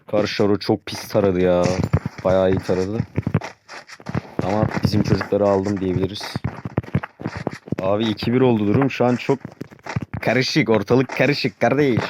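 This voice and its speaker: A young man comments live on his own gameplay in casual slang, with a sore throat roughening his slightly low voice. He gets excited fast and shouts out to his teammates. Loud background noise and steady clicking sit under the recording. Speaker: gaming channel host.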